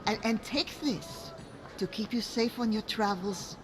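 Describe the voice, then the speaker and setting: An actress playing a kindly, brisk older village woman in a fantasy game, maternal and plain-spoken. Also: on the high side, lightly acted. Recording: music behind voice.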